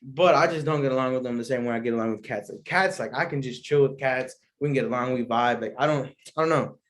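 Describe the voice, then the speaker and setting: A young adult man hosts a solo podcast, chatting casually as he answers questions. He talks fast in a mid-range voice, rambling and slangy, with plenty of asides.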